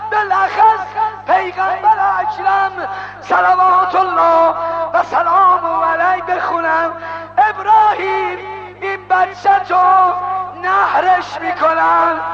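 A man preaching a dramatic sermon, telling the story with passion and breaking into shouts and chanted lines. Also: very high voice. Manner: impassioned, bursts into shouting and chanting. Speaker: religious preacher. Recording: dull lo-fi recording with music. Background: music.

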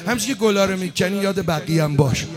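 A man delivering a mourning sermon at a religious gathering, moving between low chanting and loud shouting. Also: over music. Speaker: mourning eulogist.

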